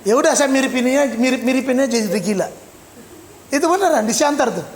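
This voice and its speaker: A man preaching a lively sermon as pastor, quizzing the congregation and breaking into shouted exclamations. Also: extremely high pitch, quick pace, a little hiss or hum. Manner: animated, calls out questions to the congregation. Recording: echoey hall with long reverb.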